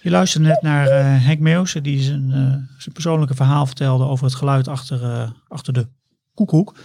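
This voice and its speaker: A gravelly male host on a noisy recording. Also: medium pitch, steady tone, normal speed, a little mellow. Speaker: podcast host. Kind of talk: hosting links between segments.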